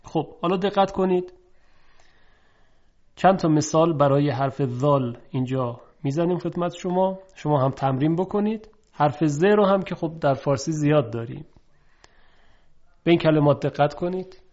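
A man teaching how to pronounce Arabic letters. He explains quickly, then recites each example word slowly and clearly, twice. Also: on the high side, darkish tone. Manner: slow, drawn-out recitation of example words; fast explanatory talk between examples. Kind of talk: pronunciation lesson. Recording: dull lo-fi recording.

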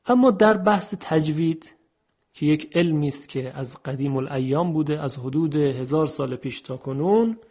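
A man teaching a radio lesson on Quran recitation, explaining in a measured, formal way and reciting Arabic phrases. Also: on the high side, expressive, darkish tone.

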